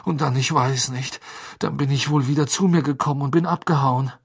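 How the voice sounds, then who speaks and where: A man voicing a panicked, clumsy teenage boy wizard in a pitched-up, strained, husky voice. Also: fairly even intonation, brisk. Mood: distraught.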